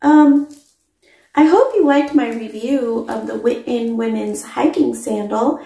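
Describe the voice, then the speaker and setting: Slow, mellow-voiced woman reviewing sandals. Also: a little high, vocal fry, reverberant. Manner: enthusiastic, emphatic, repeats words for stress. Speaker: product reviewer. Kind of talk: casual product review vlog. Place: small indoor room with pale walls. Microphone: phone camera mic at close range.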